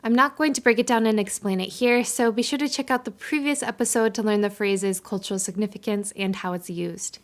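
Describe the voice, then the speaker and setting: A woman hosting a podcast, reading a scripted intro in a friendly, clear, explanatory way. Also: mid-range voice, a little fast, few pauses. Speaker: podcast host.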